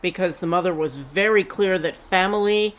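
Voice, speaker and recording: A woman co-hosting a podcast in casual chat, quick to tease and share her opinions. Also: lowish voice. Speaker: podcast co-host. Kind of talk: casual chat recapping a dating show.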